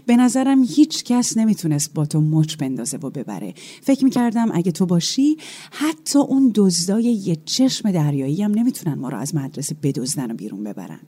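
Woman narrator, lowish mellow voice, tender nostalgic storytelling. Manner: tender, nostalgic, addressing a remembered person.

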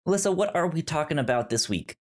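A man with a fairly high voice talks quickly as co-host of a movie podcast. The chat is casual, relaxed and rambling, full of restarts and laughs.

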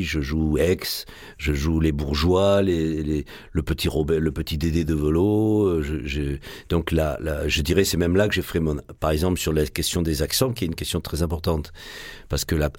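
An older man with a Marseille accent, with an extremely deep voice. He is a guest in a radio interview and speaks effusively, stopping often to restart his sentences. The recording is dry and close, with no room sound. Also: no room sound. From Marseille, France. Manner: effusive, halting with many restarts. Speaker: guest, stage actor and author.

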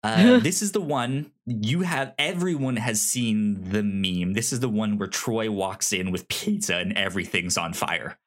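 As a podcast host, a man chats casually and enthusiastically about TV shows, often stammering and repeating sounds. His voice is fairly low, and he speaks at a measured pace with few pauses.

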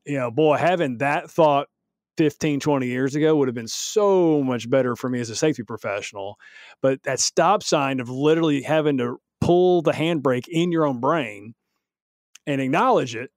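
A man's voice: a little high, a little mellow, dry recording, clean studio sound. A man who works in workplace safety, talking casually on a podcast and acting out the reactions he quotes. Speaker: safety professional and co-host.

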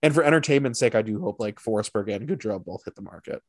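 A man co-hosting a hockey podcast, chatting casually with a friend, animated and teasing, with quick bursts of excitement. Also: fairly low pitch. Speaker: podcast co-host. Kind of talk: casual sports chat.

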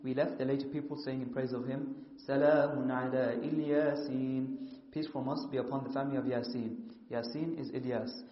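Man, rapid reader, scripture commentary, roomy hall, muffled sound. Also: medium pitch, fairly even intonation. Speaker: reader of the text. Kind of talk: reading scripture commentary aloud.

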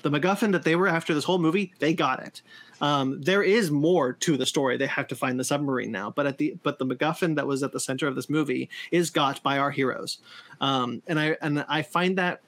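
A man's voice: a little high, a little fast, a bit bright. A man co-hosting a casual film review podcast, talking with enthusiasm. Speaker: podcast co-host.

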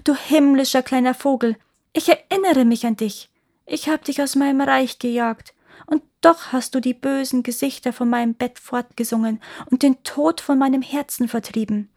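A woman voicing a terrified, dying old emperor who pleads in a high, desperate voice. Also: fairly even intonation, moderate pace, a little mellow. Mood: grateful.

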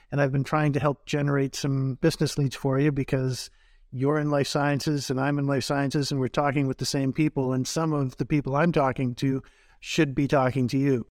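A man's voice: mid-range voice, a little mellow, no echo, studio quality. A man hosting a podcast interview, friendly, summing up the guest's points and asking questions. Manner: friendly, sums up and asks questions. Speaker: podcast host.

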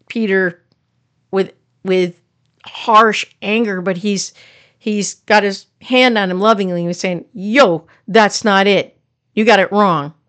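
Woman pastor, sermon reflection; earnest, conversational, voices the story's speakers briefly. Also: mid-range voice. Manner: earnest, conversational, acts out quoted lines.

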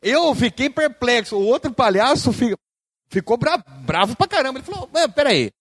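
A man's voice: very high voice, normal speed, husky. A man with a Brazilian Portuguese accent, a hospital clown telling stories in a seminar talk and acting out the dialogue. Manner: animated, acts out dialogue, laughs often. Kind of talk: storytelling talk.

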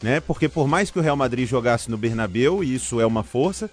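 A man's voice: medium pitch, lively intonation, fast, faint music behind. A man from chatting casually as a football podcast co-host, informal, blunt and opinionated. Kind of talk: casual sports chat.

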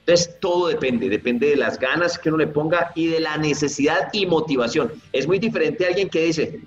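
A man who teaches English, answering interview questions in a lively way and acting out the people he quotes. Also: a little fast. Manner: animated, acts out quoted people with big pitch jumps. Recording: roomy, slightly dull, faint music behind.

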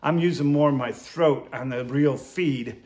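A man's voice: mid-range voice, measured pace, a little mellow. A man instructing in duck calling, explaining his technique step by step in an informal, hands-on way.

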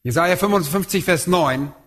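Male preacher, fairly high husky voice, emphatic sermon delivery with rhetorical questions. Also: normal speed, a bit bright.

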